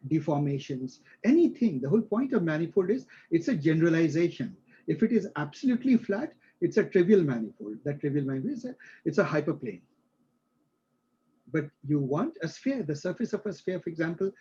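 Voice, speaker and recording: A man's voice: a little high, sing-song, a little fast, dark tone, breathy edge, highs cut off. A male instructor explaining a concept to a live class, using everyday examples and often checking that students follow.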